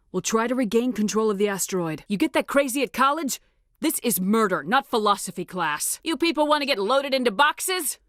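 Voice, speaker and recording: A woman's voice: on the high side, no echo, clean studio sound, natural voice. An actress playing a resolute female military commander in a video game, with a firm, controlled delivery and an authoritative, blunt manner. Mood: angry. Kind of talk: video game voice acting, dramatic dialogue.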